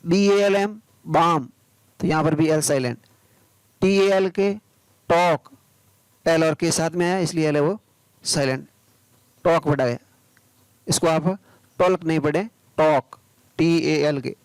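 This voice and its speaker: A man, teaching English pronunciation, spelling out words letter by letter and then explaining them slowly. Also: fairly high pitch, clear, resonant tone, no echo, poor audio. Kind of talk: pronunciation lesson.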